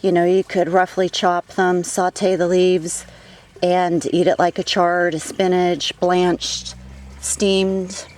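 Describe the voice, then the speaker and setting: Low-voiced woman giving garden tips. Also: level tone, takes it slowly, darkish tone, poor audio. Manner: chatty and practical, with frequent fillers. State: out of breath. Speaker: gardening vlogger. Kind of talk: casual outdoor garden tips. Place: outdoor garden.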